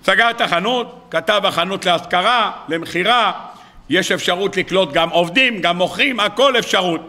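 High bright-voiced rabbi telling stories. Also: male voice. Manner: lively storyteller acting out dialogue. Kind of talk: sermon with storytelling.

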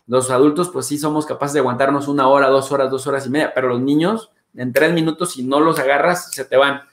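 A Mexican man with a Mexican accent hosting his show, talking in a chatty, animated way with playful swearing. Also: mid-range voice, fast talker, reverberant. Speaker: host. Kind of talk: animated casual monologue.

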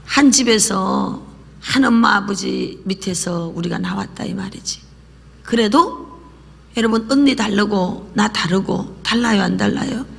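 A woman pastor preaching a lively sermon, often dropping into a whisper and having the congregation repeat after her. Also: mid-range voice, a little slow, vocal fry, breathy edge. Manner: lively preaching, drops to whispers and calls for repetition. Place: church sanctuary. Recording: church hall reverb.

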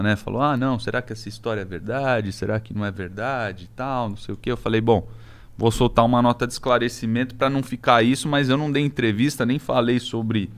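A young Brazilian man with a Brazilian Portuguese accent, a podcast guest talking casually and haltingly with many restarts. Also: mid-range voice. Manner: hesitant, many restarts and fillers. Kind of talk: casual interview talk.

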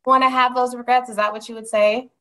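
Higher-pitched woman host on a video call. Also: flat delivery, fast, pushed and bright. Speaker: interview host. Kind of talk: casual video-call interview. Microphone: video call webcam.

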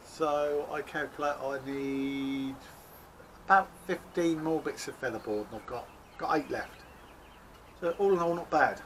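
An allotment vlogger chats casually to a handheld camera held close to his face, standing by a shed in an outdoor allotment garden. His voice is a little high and fairly bright, and he takes his time, joking about himself and laughing at his own expense. There's slight background noise.

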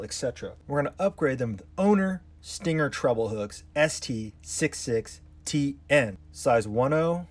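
A middle-aged man hosting a casual fishing vlog, walking viewers through his lures, hooks and split rings and calling them guys. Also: medium pitch. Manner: explanatory, hands-on, addresses viewers as guys. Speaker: fishing channel host. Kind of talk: casual tackle-prep vlog narration.

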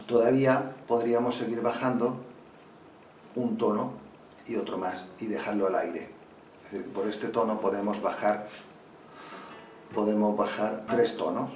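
Low-voiced man teaching flamenco guitar. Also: steady tone, unhurried, pauses often, recorded from a distance, a little hiss or hum. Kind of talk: guitar lesson explanation. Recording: roomy sound from off mic with loud guitar.

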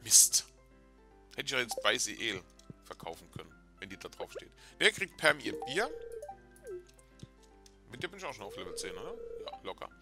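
Let's play host, male, lively gravelly voice, excitable, game music underneath. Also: fairly low pitch, moderate pace, long pauses. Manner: chatty, excitable, talks to viewers. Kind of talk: casual gameplay commentary.

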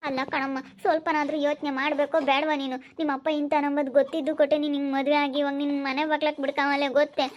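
A woman's voice: sits high, little pitch movement, racing, hardly any pauses, close to an everyday voice. A woman playing a chatty village mother who gossips and lectures. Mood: reproachful. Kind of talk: village family drama acting.

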